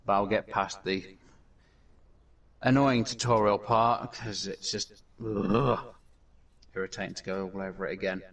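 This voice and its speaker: A man's voice: lowish voice, fairly even intonation, normal speed, a bit bright, distant mic. A man hosting a casual gameplay commentary, talking in a rambling way with many fillers and restarts. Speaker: gaming channel host.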